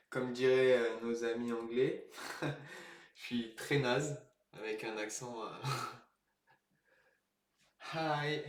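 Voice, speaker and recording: A man's voice: medium pitch, roomy sound. A man casually chatting on a live stream as he opens trading card boxes, greeting viewers in the chat and laughing at himself.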